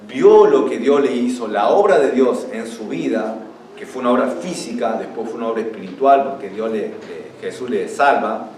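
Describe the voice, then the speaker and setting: A man's voice: medium pitch, lively intonation, normal speed, a little mellow, a little hiss or hum. A young man, preaching a sermon as pastor. He teaches in a repeating, emphatic way and lifts his voice when he reads scripture aloud. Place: church. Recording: roomy church hall from far off, faint ambience.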